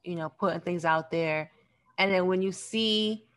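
A woman's voice: fairly low pitch, a little slow, fairly bright tone. A woman co-hosting a casual film discussion, retelling scenes and acting out the characters' lines. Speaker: podcast co-host.

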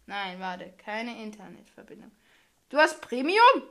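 A woman's voice: fairly high pitch, sing-song, a little slow, sharp tone. A female-sounding podcast host in casual, goofy chat, bossy and exclamatory in a playful way.

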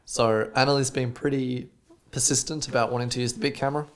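An Australian man co-hosts a podcast, his mid-range voice quick and fairly even as he rambles through stories in casual chat, dropping "like" again and again.

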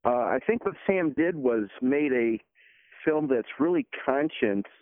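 A man joining a casual chat, speaking haltingly with stammering restarts, heard over a phone line. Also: medium pitch, expressive, no echo. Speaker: podcast panelist.

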